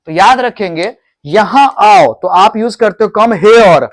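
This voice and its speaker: A man's voice: high voice, takes it slowly. A man teaching English to pupils in a classroom, mixing Hindi and English and having them repeat after him. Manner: drills pupils with call-and-repeat questions.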